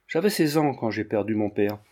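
A man reading the lines of a flighty, mysterious foreign widowed countess in an audiobook, in a soft, courteous manner. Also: on the low side, expressive, moderate pace.

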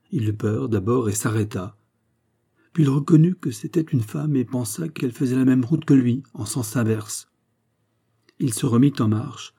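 A man narrates a classic fairy tale in a measured, expressive storybook style. His voice is very dark and mellow, with a husky edge, and he keeps a steady middle pitch. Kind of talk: storybook reading.

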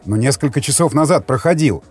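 A man's voice: mid-range voice, expressive, fairly quick, breathy edge, soft background music. A man voicing an indignant male political commissar in an audiobook. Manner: indignant shouting.

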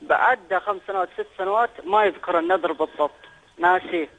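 A man's voice: high-pitched, quick pace, fairly bright tone. A man asking a casual question as a phone caller. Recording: dull lo-fi phone call.

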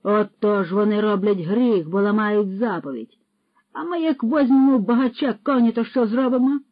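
Pompous, loud-lecturing male horse thief, put on by the audiobook narrator, a bit higher than the narration, dull dry storybook audio. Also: normal speed, no room sound, lightly acted. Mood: scolding.

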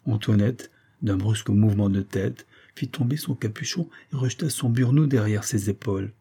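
Low husky male narrator. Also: normal speed, dark tone. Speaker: reader. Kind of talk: audiobook narration.

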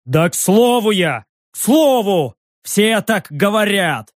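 A man's voice: high voice, big pitch swings, slow pace, no echo, heavily acted. Guy playing a proud defensive patrol boss, all indignant, dry close sound. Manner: indignant, blustering. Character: blustering male patrol leader, proud and defensive.

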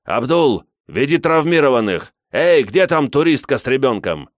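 A man voices a burly male official bellowing orders in a furious mood, pitching his natural voice above his own to a medium level. His intonation is lively and his pace moderate, recorded at studio quality with no echo.

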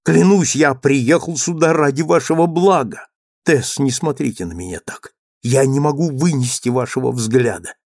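Insistent gentleman suitor, ardent and troubled, pleading hard ; a male reader carries the part, dry close sound. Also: mid-range voice, normal speed, no room sound, close to an everyday voice. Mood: passionate. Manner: pleading, then passionate outbursts.

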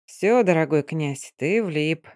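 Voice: medium pitch, expressive, slow pace, a little mellow, dry recording, studio quality. An audiobook narrator voicing a seductive, mocking female water spirit with a sing-song, teasing manner. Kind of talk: audiobook reading.

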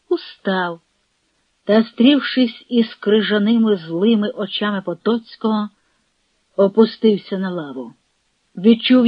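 A woman reads a historical novel aloud in a measured, dramatic manner, giving the lines weight. Her voice is husky and sits at a middling pitch. The recording is dry and a little muffled. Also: dry recording. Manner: measured, dramatic reading with quoted dialogue voiced. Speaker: narrator. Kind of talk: audiobook narration of a historical novel.

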